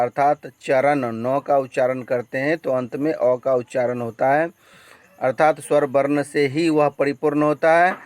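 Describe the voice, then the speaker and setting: A man teaching a grammar lesson with a Bihari Hindi accent, slow and deliberate, drawing out each example and repeating his points. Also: mid-range voice, a little mellow, clean tone, dry recording.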